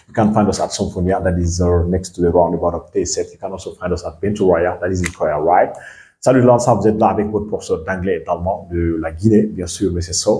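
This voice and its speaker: Homme guinéen, voix grave, pièce qui résonne. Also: male voice, low-pitched, mellow, roomy sound. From Guinea. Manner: repeats example words slowly, asks "you understand me?". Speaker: English teacher. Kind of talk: bilingual pronunciation lesson.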